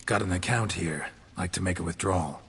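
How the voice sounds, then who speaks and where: An actor playing a terse, stoic monster hunter in a video game, clipped and deadpan with dry impatience. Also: male voice, low-pitched, a little fast, slight background noise. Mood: dry, businesslike. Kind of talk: scripted video game dialogue.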